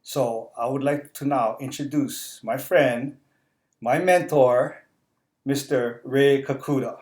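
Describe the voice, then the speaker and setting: A man's voice: mid-range voice, takes it slowly, darkish tone. A middle-aged man hosting a casual live interview, talking earnestly, repeating words and tagging on "right?". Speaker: interview host.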